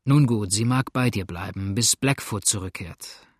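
A man's voice: lowish voice, normal speed, slightly rough, no room sound, studio quality. A man voicing a persuasive, commanding sea captain in an audiobook.

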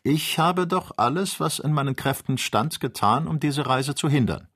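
A man's voice: lowish voice, a little fast, breathy edge. A man reading aloud, voicing a worried adult male hunter who pleads with his friend. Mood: pleading.

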